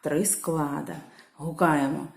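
Woman teacher, slow lesson, sing-song calling of words, lower voice, echoey room. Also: steady tone, gravelly. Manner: calls out words, stretching the stressed syllable. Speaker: primary school teacher.

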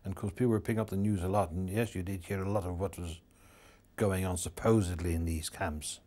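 An older man reflecting on wartime news, his voice often trailing off softly. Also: deep voice, fairly even intonation, fairly quick. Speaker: interviewee recalling wartime occupation. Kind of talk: reminiscing testimony.

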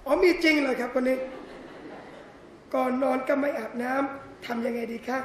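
A man giving a lively, joking Islamic lecture to an audience in a hall. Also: extremely high pitch, moderate pace, slight background noise. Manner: animated, joking, addresses audience as brothers and sisters. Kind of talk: lively religious lecture on marriage. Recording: echoey hall with faint ambience.

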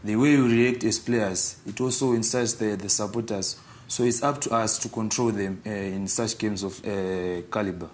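A young man from Zimbabwe answers as a football vice captain, calm and measured. His voice sits fairly low, with a faint hum of studio ambience behind it. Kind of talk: studio interview.

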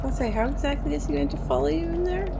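A woman's voice: high-pitched, sing-song, quick pace, very noisy. A woman watching a horror game being played, chatting casually, teasing and laughing along. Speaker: co-host watching the play. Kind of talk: casual let's-play chat. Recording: loud game music behind.

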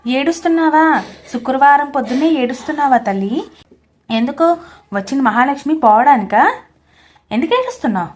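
A woman voicing a domineering middle-aged mother-in-law in an audio story, scolding and shouting. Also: high-pitched, moderate pace, lightly acted.

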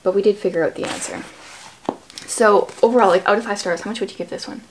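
Fast and conversational, a homeschooling mother in her thirties talks books at home, explaining ideas and posing questions to prompt discussion. Her voice is medium in pitch. The setting is a small furnished room, and the rough recording has slight background noise.

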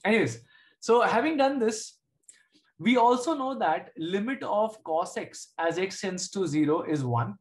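A man's voice: high voice, expressive, measured pace. A middle-aged man with an Indian accent teaching a live online maths lesson, informally, checking understanding with short questions. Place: indoors at a desk, screen-share video class.

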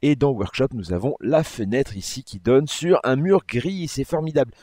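A man's voice: mid-range voice, animated, moderate pace, warm tone, dry recording. Man giving a dry, chatty game walkthrough. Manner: chatty, loose and self-correcting as he clicks through menus. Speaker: gaming channel host. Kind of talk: casual gameplay walkthrough commentary.

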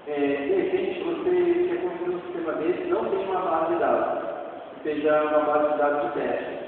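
On a large dark auditorium stage, a Brazilian man with a highish, lively voice gives a conversational conference talk and live demo at a moderate pace, frequently adding short tag questions to check agreement. A distant camera in the audience captures it, leaving the audio tinny, echoey, noisy, and remote.

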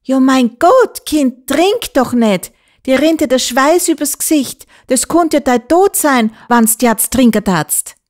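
A woman voicing an alarmed, motherly village woman with a Bavarian accent, calling out slow and loud. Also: high-pitched, expressive, voice pushed up. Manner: loud, drawn-out scolding.

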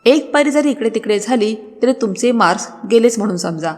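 A woman's voice: a little high, animated, brisk, a little mellow, close to an everyday voice. A woman voicing a strict, commanding middle-aged female math teacher in a storybook narration. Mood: stern. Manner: commanding, scolding. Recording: long reverb with background music.

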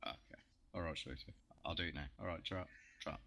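A man's voice: rumbling low, brisk, vocal fry, sharp tone, slight background noise. A man chatting casually and swearing freely while playing a game. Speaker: gamer. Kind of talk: casual chat while gaming.

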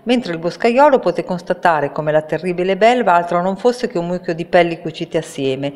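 Low-voiced woman reading a storybook. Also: animated, normal speed, darkish tone. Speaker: reader. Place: public library. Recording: reverberant room.

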